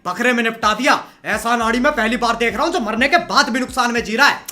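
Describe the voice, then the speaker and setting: A man's voice: very high-pitched, pushed and bright. A young man in his twenties doing crude, mocking roast commentary over video clips. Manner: mocking, crude, rapid-fire jokes. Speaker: comedy YouTuber reacting to clips.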